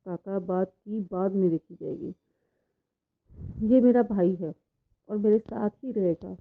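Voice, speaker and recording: A woman's voice: mid-range voice, creaky. A woman voicing a grieving, lonely young man who talks in an emotional, pleading way; the sound is tinny and phone-like. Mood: distraught.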